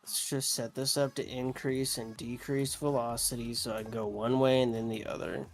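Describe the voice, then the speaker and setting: A man's voice: medium pitch, little pitch movement, normal speed, faint music behind. Joking, grumbling gamer man. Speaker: co-player. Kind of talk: casual game chat.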